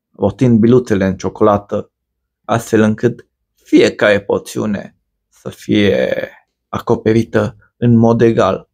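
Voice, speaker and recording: A man giving a measured, ornate, scripted voice-over for a cooking video. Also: on the low side, a little mellow. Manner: measured, ornate storytelling delivery. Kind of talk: scripted poetic voice-over narration.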